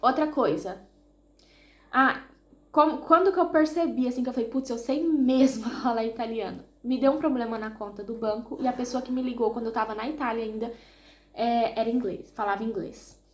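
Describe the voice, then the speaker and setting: Talking casually to her viewers on camera, a Brazilian vlogger with a Brazilian Portuguese accent is self-deprecating and frequently restarts sentences. She speaks briskly in a fairly high voice, and the sound is reverberant.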